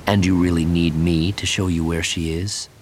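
A man reading the lines of a calm, shrewd male Jedi master in a cool, measured way. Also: low-pitched, a little hiss or hum, close to an everyday voice.

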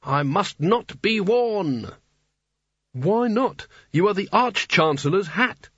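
An imperious ancient wizard's hat, pitched well above a normal male voice, proclaiming with grandiose, sarcastic authority in an audiobook, as a man puts it on. The recording is dry and a little dull. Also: animated, takes it slowly, fairly bright tone, breathy edge, no room sound, exaggerated voice. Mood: solemn, grand.

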